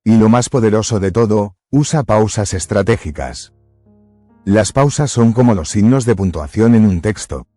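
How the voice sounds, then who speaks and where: A man giving scripted motivational narration in a measured, emphatic way, close to the mic. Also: lowish voice, lively intonation, warm tone, no room sound, soft background music.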